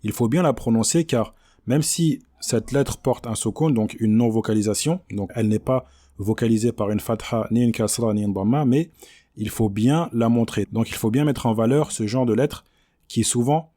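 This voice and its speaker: A man teaching Quran recitation, speaking standard French with a patient manner and modeling words slowly and repeatedly. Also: mid-range voice, mellow. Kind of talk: explanatory lesson on recitation.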